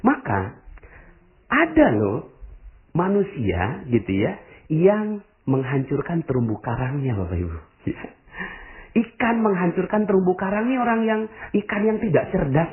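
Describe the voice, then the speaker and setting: A man giving a motivational religious talk to an audience, full of rhetorical questions and direct address. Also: sits high. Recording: tinny phone-like sound.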